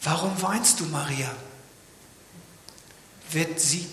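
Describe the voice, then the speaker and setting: A man gives a sermon in a high, bright voice. He preaches dramatically and sometimes sinks to a whisper for emphasis. The church hall echoes around him with a long reverb. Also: slow, a little hiss or hum.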